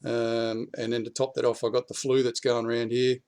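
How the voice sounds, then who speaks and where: An Australian prepping vlogger, a little croaky after the flu, talks politics casually to camera from his backyard, blunt and swearing freely. His medium-pitched voice barely moves and runs a touch fast, though it climbs and grows louder when he pushes a point.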